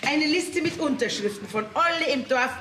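An actress with a Bavarian accent playing a jealous, jeering middle-aged village wife in a folk theater play. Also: female voice, high-pitched, expressive, moderate pace. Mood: spiteful. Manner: spiteful and jeering. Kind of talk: folk theater stage acting. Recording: roomy stage sound from far off with hall noise.

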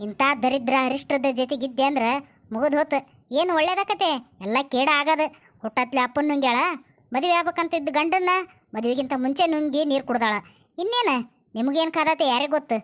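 A woman's voice: sits high, a little fast, close to an everyday voice. A woman playing a scolding North Karnataka village wife. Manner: sharp scolding, turns tearful and pleading. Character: quarrelsome village woman of the house. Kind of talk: village comedy drama acting. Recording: dull lo-fi sound.

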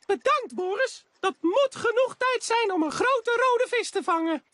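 A performer voicing a cheerful male cartoon mouse who encourages young viewers in a bright, sing-song way. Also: very high-pitched, expressive, unhurried, full character voice. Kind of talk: cartoon dub voice acting. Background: music.

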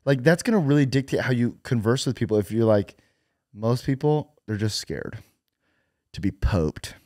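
A young man hosting a podcast in a studio, relaxed and conversational, asking questions and retelling exchanges. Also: mid-range voice, normal speed, dry recording. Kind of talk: casual conversation. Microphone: studio boom mic with headphones.

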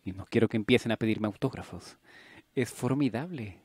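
A man reading an audiobook, voicing a proud, wry young male actor in a low, even voice. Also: a little fast, husky, dry recording. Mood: amused. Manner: dry, wry, guarded.

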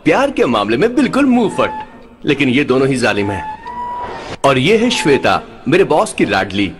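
A man's voice: medium pitch, big pitch swings, moderate pace, over music, lightly acted. A man dubbing a chatty young assistant who narrates his boss's story with playful asides in a film. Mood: amused. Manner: chatty storytelling, fumbles names. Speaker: narrating sidekick. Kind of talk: Hindi dub acting with voice-over narration.

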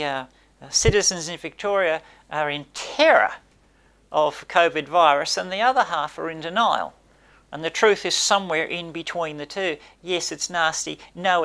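An older pastor delivers a sermon in a small church, speaking to a camera. He preaches emphatically and gestures a lot, rising on key words and sinking his voice low at the close of each point. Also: bright, forceful tone. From Australia. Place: small indoor church space by a brick wall.

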